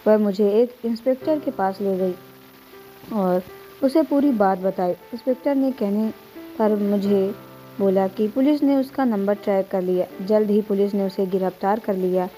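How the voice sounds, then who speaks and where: A woman tells an emotional first-person story with earnest feeling. Her voice is mellow and soft-edged. Faint background music plays under her narration. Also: mid-range voice, moderate pace, rough recording. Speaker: storyteller and channel host.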